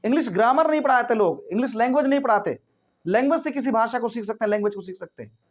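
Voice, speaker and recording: A man teaching a spoken English grammar lesson, explaining step by step with rhetorical questions and reading example sentences slowly before translating them. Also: very high-pitched, lively intonation. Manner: explains step by step, keeps asking rhetorical questions and saying "theek hai".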